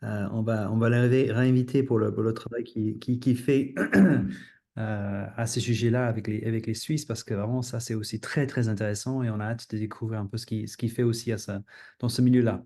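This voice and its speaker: A man hosting a podcast in a casual, halting way, often restarting his phrases. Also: fairly low pitch, fairly even intonation, mellow. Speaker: podcast host.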